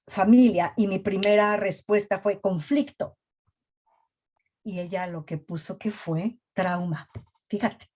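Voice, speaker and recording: A woman's voice: lowish voice, warm tone. A woman therapist giving a reflective talk to parents, emphatic and full of "este" fillers, over a video call.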